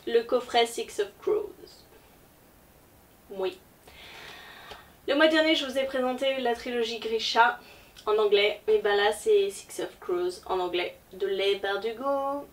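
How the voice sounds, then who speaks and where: A woman's voice: on the high side, a little slow, pauses often. A woman presenting a casual book haul vlog, chatty and hesitant with lots of fillers. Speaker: book vlogger. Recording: distant mic, faint background noise.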